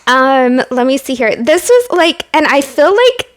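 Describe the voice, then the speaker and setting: A woman's voice: high-pitched, very animated, moderate pace, slight background noise. A young adult woman giving a casual pick-a-card tarot reading, chatty and earnest, full of fillers and emotion. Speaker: tarot reader.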